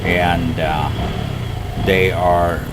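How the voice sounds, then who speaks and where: A man with a fairly low voice talks slowly and casually, as in a motovlog. He is hesitant, repeating words and trailing off. Very loud engine and traffic noise runs behind him as he rides outdoors. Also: level tone. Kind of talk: casual unscripted riding commentary. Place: on a moving motorcycle outdoors.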